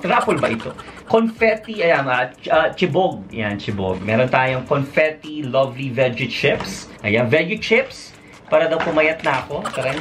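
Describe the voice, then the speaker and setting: A woman's voice: low voice, a little hiss or hum. A woman vlogger chatting playfully through a casual unboxing vlog, mixing English into her Tagalog and stumbling over labels as she reads them aloud. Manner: reads labels aloud haltingly, self-correcting.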